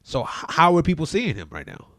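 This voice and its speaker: A man's voice: fairly high pitch, huge pitch swings, fairly quick, a bit bright, no echo, studio quality. A man co-hosting a casual podcast chat, preaching his views emphatically and telling listeners to look things up. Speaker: podcast co-host.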